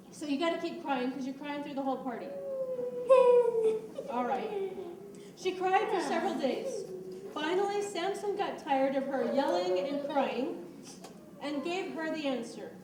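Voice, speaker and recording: A woman's voice: high-pitched, lively intonation, a little slow, pauses often, a loud crowd. A woman narrating a story and directing children through a church skit, giving patient, coaxing instructions. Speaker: children's ministry leader directing a Bible skit. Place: church room. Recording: roomy, distant mic with background noise.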